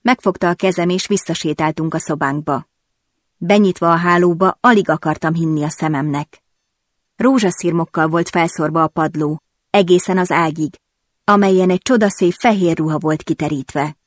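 A woman narrating a romance audiobook in the first person, in an expressive, even storytelling manner. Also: on the low side, dry recording, clean studio sound.

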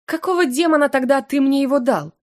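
A woman's voice: a little high, normal speed, pitched above the performer's own voice, close to an everyday voice. A woman voicing a flustered, indignant young magic student in an audiobook. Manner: indignant, embarrassed outbursts.

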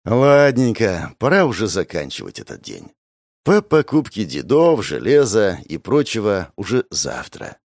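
A man narrating a first-person audiobook in an expressive, wry manner, voicing all the characters. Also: low-pitched, moderate pace, creaky, no room sound, clean studio sound.

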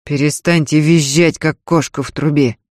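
A man voicing a gruff, contemptuous nobleman husband in an audiobook reading. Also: on the high side, steady tone, moderate pace, a little mellow, no echo, studio quality, lightly acted. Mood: curt scornful. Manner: curt and scornful, speaking through his teeth.

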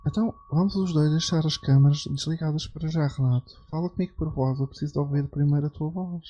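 A man's voice: a little high, fast, lo-fi sound. A man with a European Portuguese accent on a voice-chat prank, coaxing and then insulting his target. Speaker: prank caller. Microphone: headset on voice chat. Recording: loud noisy voice chat with clicks.

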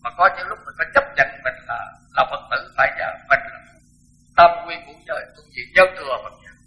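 A man's voice: a little high, quick pace, gravelly, bright, forceful tone, faint music behind, low-quality recording. An older man, a Buddhist monk, giving a frank, blunt dharma talk and repeating words for emphasis.

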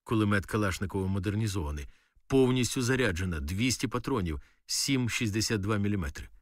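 A man narrating an audiobook in a steady, matter-of-fact storytelling manner. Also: fairly low pitch, brisk, no room sound, clean studio sound, recorded from a distance. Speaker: audiobook reader. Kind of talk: audiobook narration of a war novel.

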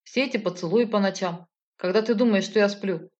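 An emotional grown man, rushing through heated, pleading lines, as a woman reader puts him on. The pitch sits mid-range, and the recording sounds slightly muffled and lo-fi. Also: darkish tone, lightly acted. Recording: slightly dull lo-fi audio.

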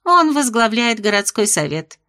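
A woman's voice: on the high side, very animated, normal speed, pushed and bright. A woman voicing a nervous, secretive fairy headmistress who answers evasively and tries to soothe, in an audiobook reading.

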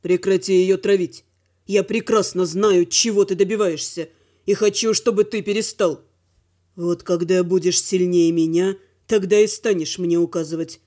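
A woman's voice: fairly low pitch, fairly even intonation, moderate pace, dark tone, voice pushed down, lightly acted. A woman voicing a firm, protective elder male dragon heir in an audiobook, speaking coldly and with command.

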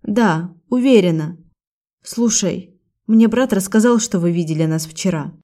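A woman voicing a shaken, tearful young woman who speaks softly and earnestly. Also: medium pitch, a little slow, close to an everyday voice.

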